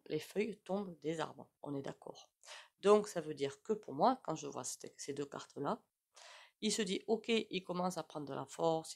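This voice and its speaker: A woman's voice: on the low side, gravelly. A woman with a regional French accent giving a casual, rambling tarot reading to her viewers, with frequent "hein" asides. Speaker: tarot reader.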